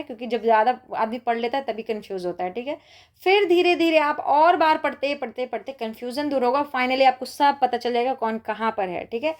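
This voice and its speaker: A woman, teaching an exam-prep lecture in an encouraging, conversational way as she reads lists aloud. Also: a little high.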